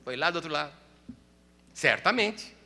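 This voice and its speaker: A male pastor preaching a sermon as an animated storyteller, swinging between loud bursts and quiet asides. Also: a little high, normal speed, gravelly, long reverb tail.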